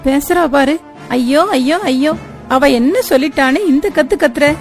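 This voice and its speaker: A woman's voice: sits high, normal speed, faint music behind, close to an everyday voice. A woman playing a scheming, spiteful woman of the house who scolds and gossips sharply. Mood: scolding.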